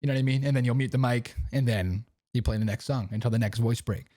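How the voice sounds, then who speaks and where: A young man rambles through a casual podcast chat in an easy, slangy way. His voice sits at an ordinary middle pitch. The sound is close and dry, with no room echo. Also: steady tone, quick pace, dark tone. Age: young adult. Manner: laid-back, rambling, slangy, keeps asking "you know what I mean". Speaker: podcast host. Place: home recording setup.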